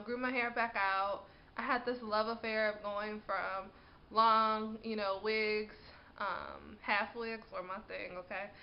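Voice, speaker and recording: Woman in her twenties, congested with a cold, higher voice, chatty, muffled lo-fi sound, faint hiss. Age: 20s. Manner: chatty, laughs often, sniffles. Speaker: vlogger. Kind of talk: casual chat to camera.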